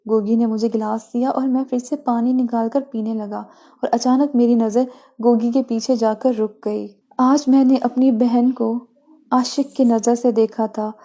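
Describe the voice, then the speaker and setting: Mellow-voiced woman narrating a story. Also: on the high side, fairly even intonation. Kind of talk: scripted first-person story narration.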